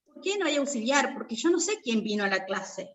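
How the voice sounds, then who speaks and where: Woman teacher, high voice, unhurried, sounds far from the mic. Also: very animated. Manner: patient, repeats checks like "¿sí?" and "¿está?". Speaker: English teacher. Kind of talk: online class explanation.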